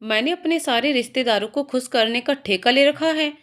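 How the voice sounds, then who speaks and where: A woman's voice: high-pitched, moderate pace, fairly bright tone. A woman voicing a playful, loving young male professor in a told story, teasing and coaxing. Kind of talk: storytelling voices.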